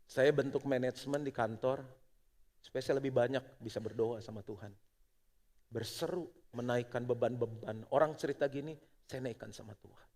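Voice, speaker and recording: A middle-aged male pastor preaching a sermon, moving between loud exhortation and hushed prayer. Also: mid-range voice, normal speed. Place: church auditorium. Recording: long church hall reverb.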